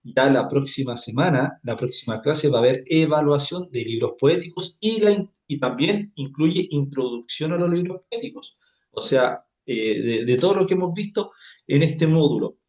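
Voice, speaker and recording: A man's voice: on the high side, lively intonation, normal speed, a little mellow, reverberant, dull audio. A man teaching a Bible class, repeating himself and checking in with his students as he explains. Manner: repetitive, asks "¿cierto?" often. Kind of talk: classroom lecture.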